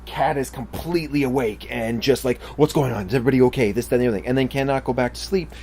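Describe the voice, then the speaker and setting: A man's voice: medium pitch, rapid-fire, slight background noise. Joking man in casual chat. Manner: joking, self-deprecating, animated quoting. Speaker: co-host.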